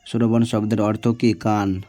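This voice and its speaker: A man's voice: on the low side, little pitch movement, unhurried, mellow. A man teaching, working through exam answers one by one and often checking with his students. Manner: reads each question, answers it, checks with "ঠিক আছে?".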